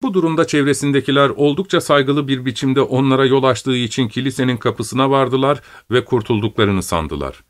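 A man narrating an audiobook in a steady, measured reading voice. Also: mid-range voice.

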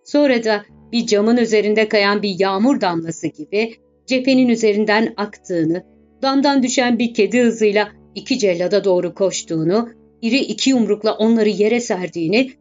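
A woman reading a classic novel aloud as scripted narration, measured and expressive with dramatic pauses. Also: medium pitch. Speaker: audiobook narrator. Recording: dull lo-fi audio with faint background music.

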